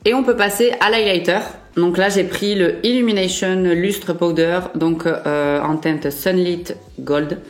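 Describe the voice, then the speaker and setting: A woman's voice: fairly low pitch, steady tone, a little slow, hardly any pauses, faint music behind. A young woman vlogger chatting casually through a makeup review, with frequent fillers and self-corrections. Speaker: beauty vlogger.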